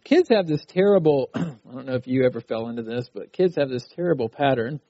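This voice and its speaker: A man's voice: medium pitch, expressive, brisk, dark tone, dry recording, lo-fi sound. A middle-aged man preaching a sermon at a youth conference, talking in a conversational way and acting out a frustrated child's cries. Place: conference hall.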